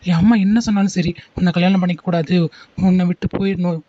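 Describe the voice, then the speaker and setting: A woman's voice: on the low side, steady tone, mellow, no echo, highs cut off, natural voice. A woman voicing a loving, protective young man in a homemade cartoon, soothing and reassuring. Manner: soothing, reassuring, quick talking. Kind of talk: homemade animated cartoon dialogue.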